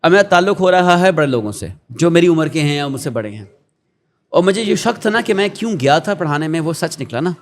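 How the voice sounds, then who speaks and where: A man's voice: fairly high pitch, expressive, a little hiss or hum. A middle-aged man with a Pakistani accent, talking as an interview guest in an earnest, preachy way, often slipping into quoted asides. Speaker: guest, education founder. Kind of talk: conversational interview.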